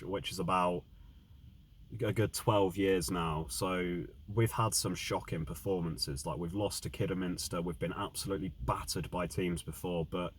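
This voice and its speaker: Low-voiced young man, exasperated football fan. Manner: exasperated, blunt, emphatic. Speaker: football fan reviewing a match. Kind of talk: passionate rant, player ratings to viewers.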